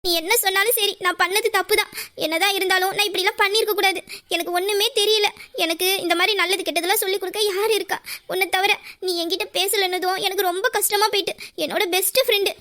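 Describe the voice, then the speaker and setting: A woman's voice: extremely high pitch, steady tone, fast talker, sharp tone. A woman voicing a remorseful young woman in an audio drama who pleads through tears and confesses a secret plan for revenge. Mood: tearful. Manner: sobbing, pleading, guilt-ridden. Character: tearful young woman hiding a revenge scheme. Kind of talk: emotional audio drama acting.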